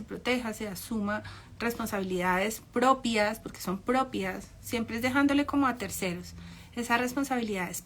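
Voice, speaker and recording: A woman's voice: a little high, a bit bright, slight background noise. A woman giving an informal, conversational talk on narcissistic parents, often ironic and acting out the voices she quotes. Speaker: psychology speaker.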